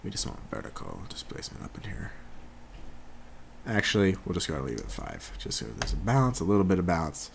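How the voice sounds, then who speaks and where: A young man with a deep, lively voice walks through a software tutorial in an easy, joking way, correcting himself as he goes. There is a faint hiss of noise behind him. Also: brisk, vocal fry. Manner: laid-back, jokey, self-correcting, talks while working. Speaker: tutorial host. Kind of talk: casual screen-recorded software tutorial.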